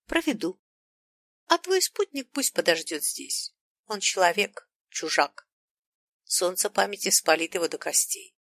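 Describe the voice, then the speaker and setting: A woman voicing a gentle, wise old female sun spirit in an audiobook, speaking softly and unhurriedly. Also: fairly low pitch, big pitch swings, measured pace, no echo, exaggerated voice. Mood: calm.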